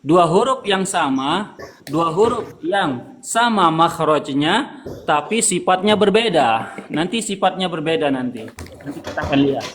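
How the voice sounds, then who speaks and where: A man's voice: on the high side, animated, a little slow, fairly bright tone, a little hiss or hum. A man teaching Quran recitation rules, patiently repeating terms and asking students to read aloud. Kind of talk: online tajwid lesson.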